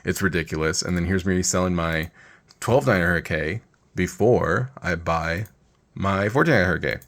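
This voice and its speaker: A man's voice: sits low, moderate pace, fairly bright tone. A man giving a casual, rambling tech rant over a screen demo, sounding weary and exasperated. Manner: rambling, informal. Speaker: tech vlogger.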